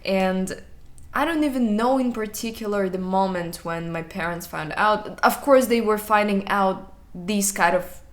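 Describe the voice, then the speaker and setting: A woman's voice: mid-range voice, measured pace. A young woman co-hosting a casual chat who tells a story with hesitant fillers. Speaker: co-host.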